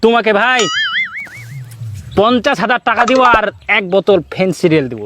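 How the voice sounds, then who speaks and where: A man's voice: sits high, lively intonation, moderate pace. A man playing a crafty schemer in an amateur comedy skit. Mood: cajoling. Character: crafty, scheming man hiding corpses and fooling a drunkard. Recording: loud music over dialogue.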